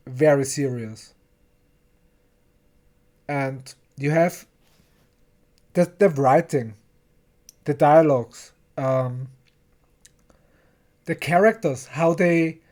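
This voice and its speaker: Slow-talking reviewer, English speaker. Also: medium pitch, darkish tone. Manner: chatty, stumbling, repeats words, acts out characters' lines. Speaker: TV episode reviewer. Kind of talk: casual recap and review of a TV episode.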